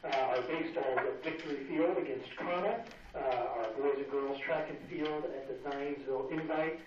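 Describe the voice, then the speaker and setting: A man's voice: mid-range voice, lo-fi sound. Man on an echoey school intercom. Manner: halting, frequent "uh" fillers. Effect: school intercom loudspeaker. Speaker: school announcer. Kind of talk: end-of-day announcements. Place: classroom, heard through a wall speaker. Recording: distant echoey loudspeaker over a noisy classroom.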